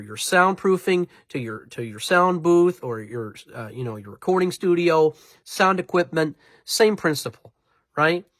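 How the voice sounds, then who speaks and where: A man with a slightly high, fairly bright, nasal voice sounds stuffed up, congested from allergies and sinus trouble. A voiceover artist, he gives informal advice straight to his viewers, rambling, correcting himself, and repeating things for emphasis. The recording is dry, with no room sound.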